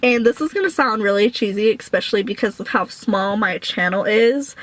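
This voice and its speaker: A woman's voice: mid-range voice, normal speed. A woman vlogger chatting casually to her viewers in an informal, rambling, slangy way. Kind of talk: casual chit-chat to viewers, answering questions.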